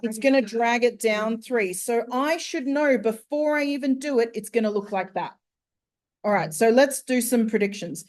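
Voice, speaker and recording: A woman teaching a maths class, working through a problem step by step and quizzing her students as she goes. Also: on the high side. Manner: slow, step-by-step questioning of students. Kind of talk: classroom lesson.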